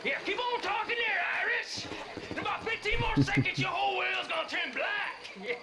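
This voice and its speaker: Shouting, threatening outlaw. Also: male voice, very high voice, expressive, moderate pace, vocal fry, heavily acted. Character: threatening male outlaw posing as French. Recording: roomy game audio with crowd.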